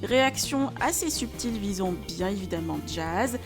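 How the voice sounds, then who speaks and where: A woman narrating celebrity gossip news in a brisk, matter-of-fact scripted read. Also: mid-range voice, expressive. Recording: narration over loud background music.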